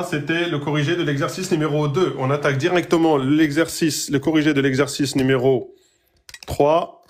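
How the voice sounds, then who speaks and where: Male language teacher in a live lesson, slow and careful, stretches out each example word, a bit higher than usual. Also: reverberant. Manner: slow drawn-out pronunciation of example words. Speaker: Arabic teacher.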